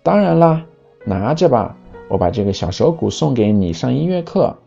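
A man voicing a kindly old elephant in a storybook, reminiscing in a warm-hearted way. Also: mid-range voice, sing-song, normal speed, creaky, muffled recording, faint music behind. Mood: fond. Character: oldest elephant of the savanna, fond and kindly.

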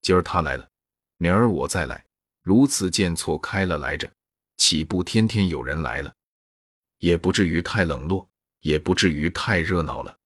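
A witty young noblewoman with a sharp, jealous tongue, as a man reads her aloud in a storybook. The voice is deep, husky and dry. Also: normal speed, no room sound. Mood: teasing. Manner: read in the narrator's own voice.

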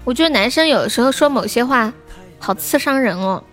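High-voiced young woman chatting on a livestream. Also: animated, fairly quick, over music. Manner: chatty, teasing, playful advice-giving. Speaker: livestream singer and host. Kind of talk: casual livestream chat with viewers.

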